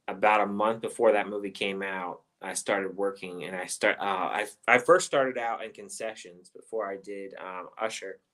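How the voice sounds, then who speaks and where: A man with a fairly low voice and a bright, forceful tone hosts a casual film chat. He rambles loosely, circling back through his points with plenty of ums and uhs. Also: rough recording. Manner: loose, rambling delivery with many fillers. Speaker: host of a movie review chat.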